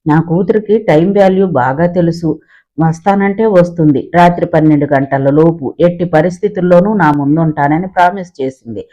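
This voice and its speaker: A man's voice: on the high side, a little fast, mellow, lo-fi sound, natural voice. A man voicing a stern, irritable man of about seventy who gives curt orders. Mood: resolute. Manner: curt, commanding.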